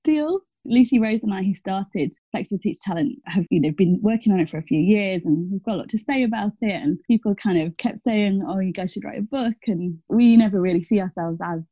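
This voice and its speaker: A woman's voice: mid-range voice, a little fast, hardly any pauses, mellow, no echo. A woman in her thirties, a teacher speaking casually as an interview guest, chatty with many fillers and self-corrections. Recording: dull, dry lo-fi sound.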